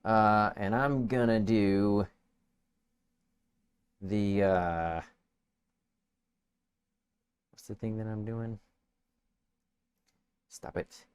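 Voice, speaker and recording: A man playing a tabletop game, talking through his moves in a halting, thinking-aloud way. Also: fairly low pitch, fairly even intonation, smooth. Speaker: player. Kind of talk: casual tabletop game play.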